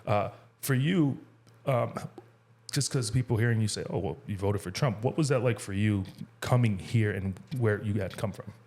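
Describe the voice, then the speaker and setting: A man's voice: on the low side, normal speed, a little mellow. A man hosting a podcast interview, asking long rambling questions with many fillers and restarts. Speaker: podcast host. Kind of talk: casual interview conversation.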